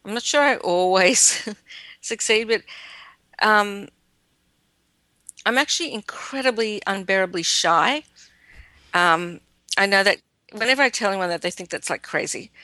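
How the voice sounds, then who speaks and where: A woman's voice: mid-range voice, bright, forceful tone, no echo. A woman guest in a casual interview, speaking in a self-deprecating way, laughing often and hesitating with fillers. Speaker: magazine editorial director, guest.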